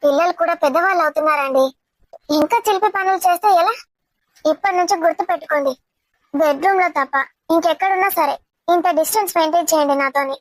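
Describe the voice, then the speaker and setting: A woman's voice: extremely high pitch, quick pace, no room sound. A woman playing a stern housewife who firmly scolds her playful husband. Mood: scolding. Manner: scolding, firm.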